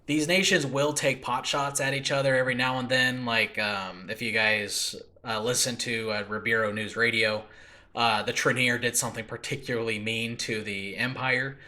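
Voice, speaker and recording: In a makeshift home recording, a podcast host who creates audio dramas talks alone and informally about the fictional world he made, wandering and interrupting himself with asides. He speaks at normal speed with fairly even intonation at a medium pitch, bright and forceful.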